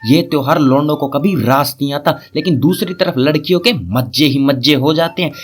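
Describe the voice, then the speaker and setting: A man's voice: fairly high pitch, normal speed, a little hiss or hum. A young man telling a crude, sarcastic roast story as a comedy storyteller. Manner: sarcastic, cheeky, vulgar.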